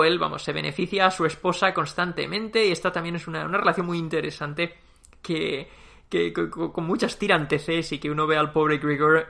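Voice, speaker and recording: A man reviews a TV series in a loose, chatty way and leans into sarcasm. His voice sits fairly high with a gravelly texture and a bright, forceful tone. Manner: lively, sarcastic, chatty with fillers. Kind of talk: casual spoken review.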